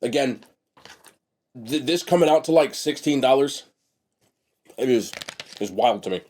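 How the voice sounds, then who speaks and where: A young male food vlogger does a casual mukbang review on camera, his medium-pitched voice nasal and sniffly from a blocked nose. He sounds expressive, unhurried and a little mellow, chatting bluntly and trailing off into restarts.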